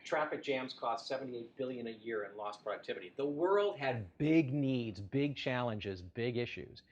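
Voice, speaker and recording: A man's voice: medium pitch, animated, moderate pace, muffled recording. A middle-aged man giving a corporate keynote with polished enthusiasm, repeating phrases for emphasis. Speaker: CEO keynote speaker.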